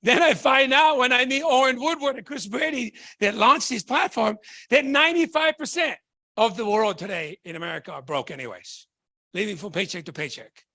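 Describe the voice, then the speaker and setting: A motivational speaker from Tonga, this man has a striking high, gravelly voice with a bright, edgy tone. He delivers a fervent talk at normal speed, full of enthusiasm, repeatedly putting questions to the audience. The sound is close and dry, with no room sound.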